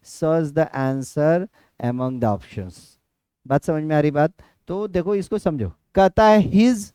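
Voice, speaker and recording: A man's voice: sits high, darkish tone, clear, resonant tone, no echo, studio quality. A male exam-prep teacher with a Bihari Hindi accent explains a lesson to students, repeating points and checking whether they understood.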